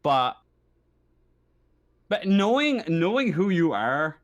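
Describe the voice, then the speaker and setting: Here a male game master narrates a tabletop RPG on the fly, halting often with stammers and repeated words. His voice sits high and swings widely in pitch, and the audio sounds dull.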